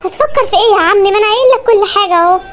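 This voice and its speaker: Performer as a cartoon suitor guy, chipmunk-high voice, hurried, boastful, Egyptian accent. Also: fairly bright tone, slight background noise. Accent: Egyptian Arabic. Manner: pleading, boastful, chipmunk-fast. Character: persistent young man suitor, tuk-tuk driver. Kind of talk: comedy cartoon voice acting.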